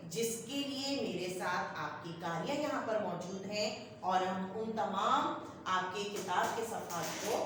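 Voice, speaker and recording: A woman's voice: medium pitch, fairly bright tone, slight background noise. Woman teacher in an echoey room. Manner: patient, repeats "okay child" as she explains. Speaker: school teacher. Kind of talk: classroom lesson explaining to children. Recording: echoey classroom from far off.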